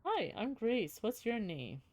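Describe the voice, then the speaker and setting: A person voicing a creepy talking girl doll in a video game, sweet and playful but menacing, with a too calm, childlike manner. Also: mid-range voice, slow, pitched above the performer's own voice. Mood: sweetly menacing. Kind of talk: reading game dialogue aloud in character.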